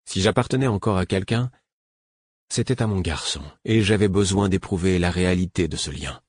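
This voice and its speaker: A man narrating an audiobook in a calm, measured way. His voice is low with a husky texture. The recording is close and dry. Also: no echo.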